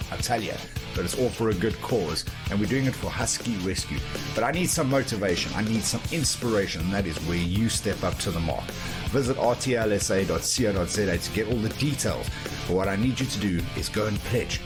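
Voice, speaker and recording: Low-pitched male radio host over music. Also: animated, brisk. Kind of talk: radio presenting, direct appeal to listeners.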